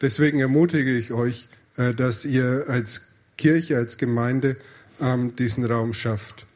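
A man's voice: medium pitch, steady tone, slow. A man interpreting a sermon phrase by phrase, with hesitations and self-corrections.

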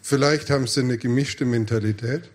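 A man's voice: mid-range voice, normal speed. A man interpreting a sermon phrase by phrase, with hesitations and self-corrections.

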